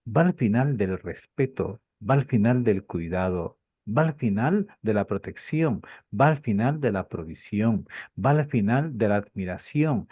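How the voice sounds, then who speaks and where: A man teaching a Bible class, lively and rhetorical, with lots of repeated phrases and questions to his students. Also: on the low side, measured pace, slightly rough, no echo. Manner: animated, rhetorical questions and repetition. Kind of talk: class lecture. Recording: dull lo-fi dry recording.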